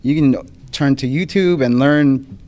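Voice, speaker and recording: A man's voice: medium pitch, measured pace, darkish tone. A man who grew up in Los Angeles, a guest photographer talking casually, with many ums and restarts. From Philippines, grew up in Los Angeles. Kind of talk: casual interview chat. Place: live podcast recording before a small audience.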